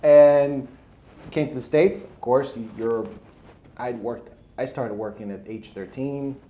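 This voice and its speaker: Taking it slowly, an Albanian man in his thirties shares his story casually as an interview guest, speaking in a dark-toned, mid-range voice. Albanian is his first language and he is a real estate investor. Faint background noise and a roomy echo come through.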